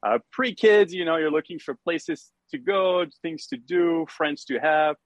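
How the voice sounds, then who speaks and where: A middle-aged Frenchman with a French accent chats casually as a podcast guest, using many fillers and laughing easily. His voice is a little high and unhurried, on a dry but rough recording with no echo.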